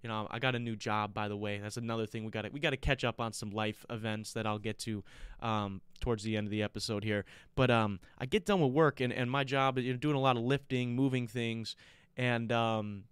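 A man's voice: medium pitch, steady tone, a little fast, clean tone, no room sound. A man with an American accent chatting casually as a solo podcast host, rambling and repeating himself, with a congested, blocked-nose sound from being sick. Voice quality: congested, stuffy-nosed. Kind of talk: casual chat to listeners.

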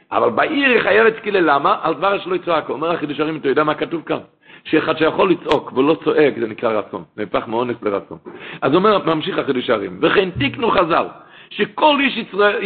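A man's voice: a little high, big pitch swings, vocal fry, breathy edge. A man delivering an impassioned sermon, exhorting his listeners and quoting sources in a chanting lilt. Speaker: rabbi giving a Torah talk. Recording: tinny phone-like sound.

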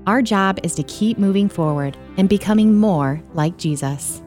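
Earnest woman narrating over soft music. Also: medium pitch. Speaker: radio ministry host. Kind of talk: scripted narration.

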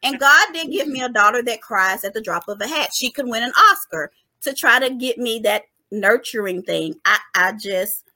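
Woman co-host, bright and fairly high voice, chatty and emphatic, casual podcast talk. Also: expressive, normal speed, few pauses. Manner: chatty, emphatic, addresses listeners as y'all. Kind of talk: casual chat.

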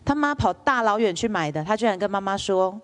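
Lively woman lecturer. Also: mid-range voice, brisk. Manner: lively storyteller, asks the audience rhetorical questions. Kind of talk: public lecture with storytelling.

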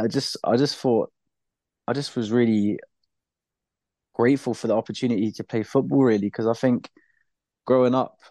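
A young man with a British accent, chatting casually as a podcast guest, relaxed, with easy laughs and loose fillers. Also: mid-range voice, no room sound. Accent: British English. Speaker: podcast guest, blind footballer. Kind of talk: casual interview chat.

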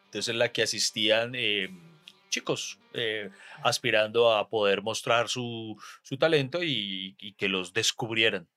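A man, a podcast guest chatting casually, animated and quick to laugh and tease. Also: on the low side, faint music behind. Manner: animated, laughs easily, teasing. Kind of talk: casual chat.

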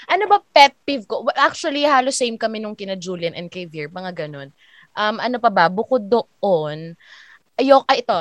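A woman's voice: mid-range voice, animated, normal speed. A young woman hosting a casual Taglish podcast chat, chatty and laughing often. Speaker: podcast host.

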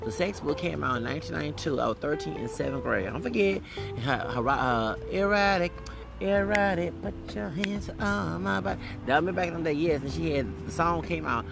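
A man's voice: fairly high pitch, animated, fairly quick, gravelly, music in the background. A man in his forties talking casually on his podcast, chatty and fond of breaking into song snippets. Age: 40s. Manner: chatty, sings snippets of songs. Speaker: podcast host. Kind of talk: casual monologue. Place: outdoors near a street.

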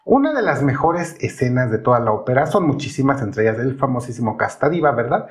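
A man's voice: mid-range voice, very animated, brisk. A man hosting a podcast, telling an opera plot in an explanatory storytelling way, with rising emphasis on connecting words.

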